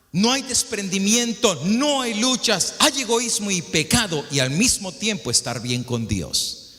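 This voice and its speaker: A man's voice: high-pitched, bright, forceful tone. Impassioned male pastor in a reverberant hall. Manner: storytelling that builds to impassioned preaching. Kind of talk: sermon.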